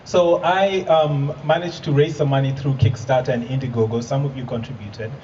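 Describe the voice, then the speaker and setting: A man's voice: mid-range voice, fairly even intonation, moderate pace, mellow. Kenyan man giving an earnest stage talk. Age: 30s. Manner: earnest storytelling with light humor and fillers. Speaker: presenter. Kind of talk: live stage presentation. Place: event hall with audience. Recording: distant muffled hall recording with faint noise.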